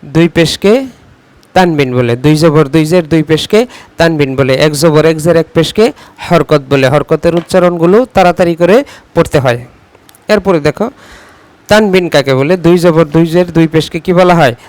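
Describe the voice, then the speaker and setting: Man teaching, clear dry voice. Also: a little high, a little mellow, dry recording. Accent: Bangladeshi Bengali. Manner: repeats questions slowly for dictation; spells out letter sounds one by one. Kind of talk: classroom lesson dictation.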